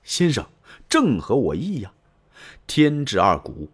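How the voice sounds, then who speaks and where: Storyteller man as brash young lord, barking orders, big swings in pitch. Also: huge pitch swings, unhurried, breathy edge, full character voice. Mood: pleased. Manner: brash, commanding.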